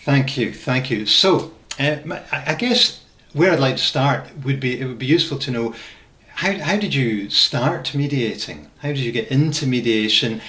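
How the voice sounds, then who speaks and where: A man interviews his guest over a video call, his questions halting and full of restarts. His voice sits at a middling pitch. The room around him echoes. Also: expressive, bright, forceful tone. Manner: hesitant, repeats words as he gathers questions. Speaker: interviewer, mediation teacher.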